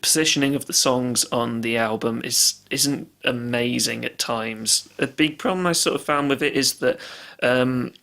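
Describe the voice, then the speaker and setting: A man's voice: mid-range voice, moderate pace, vocal fry, hardly any pauses, bright, forceful tone. A man co-hosting a podcast, chatting casually about an album, laughing often. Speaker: podcast co-host. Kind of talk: casual music review chat.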